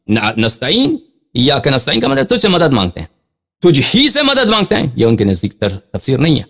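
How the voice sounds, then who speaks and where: Giving a lecture on Quran commentary, a male religious scholar reads Arabic passages at a slow pace and then explains them, repeating phrases and asking questions to hammer each point. His fairly bright, slightly rough voice swings widely in pitch for emphasis.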